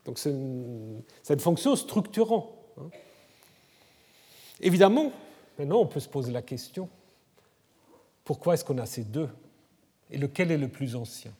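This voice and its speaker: Lively lecturing man in a reverberant hall. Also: mid-range voice, unhurried, long pauses, husky. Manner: conversational, frequent "hein?" tag questions. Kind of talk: academic lecture.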